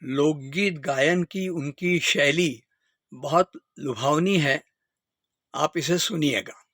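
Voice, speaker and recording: A man presenting a radio music program in a measured, formal manner. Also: a little high, a bit bright, dry recording. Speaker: radio announcer.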